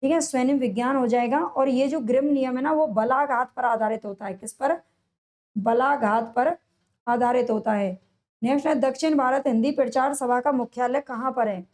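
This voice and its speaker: A woman with a high voice teaching an exam-prep lesson. She asks each question and answers it herself, and she stretches out and repeats the key answers so students remember them. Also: darkish tone. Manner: drawn-out, stressed delivery on answers. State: sore throat.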